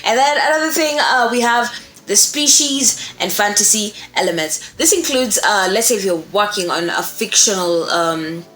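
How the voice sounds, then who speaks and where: Seated in a small indoor room, a young woman presents an instructional talk to camera, emphatic and frequently checking in with her audience. Her medium-pitched voice is fairly bright and animated, at a moderate pace. The room echoes, and faint music plays.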